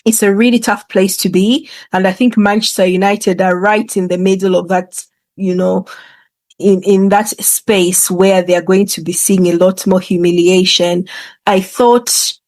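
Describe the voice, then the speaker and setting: A woman's voice: mid-range voice, little pitch movement, unhurried, a little mellow, no echo. Woman giving casual, informal football commentary. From England. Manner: informal, conversational, hesitant asides. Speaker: football podcast host.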